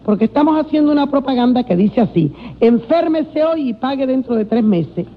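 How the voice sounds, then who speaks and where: An actress playing a chirpy pharmacist partner in a radio comedy. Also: female voice, sits high, lively intonation, moderate pace, slight background noise. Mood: eager. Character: shrill woman pharmacist partner. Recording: dull radio recording with long reverb.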